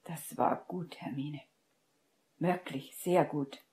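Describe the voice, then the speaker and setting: A woman puts on a stern, calm male wizard who speaks in a hushed, urgent whisper, in a whispered role-play from a storybook reading. The voice sits low and sounds dark and mellow. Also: measured pace. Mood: encouraging.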